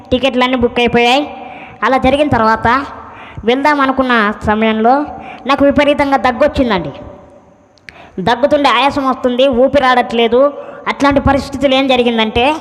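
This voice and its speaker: Earnest pastor in a reverberant hall. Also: male voice, extremely high pitch. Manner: earnest storyteller who acts out the voices of others. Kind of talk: personal testimony told as a sermon.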